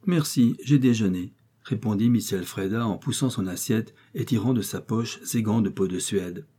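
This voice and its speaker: Husky, dark-voiced male narrator. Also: lowish voice, normal speed. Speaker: audiobook reader. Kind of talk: scripted storybook narration.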